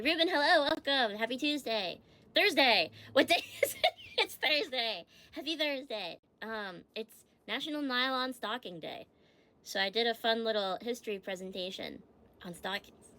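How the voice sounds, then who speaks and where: A woman chats casually on her livestream, reading fun facts aloud and stopping to answer her chat with small giggles. Her voice sits a touch high and has a sharp, bright edge. She sounds a little stuffy from allergies. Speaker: streamer.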